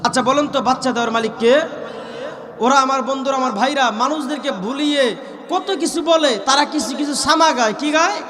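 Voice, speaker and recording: A man from Bangladesh with a Gaibandha Bengali accent, preaching a waz sermon that he shouts and breaks into slow chanted verses, calling on the crowd to repeat after him. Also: very high voice, echoey room, big-room sound. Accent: Gaibandha region Bengali. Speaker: Islamic preacher.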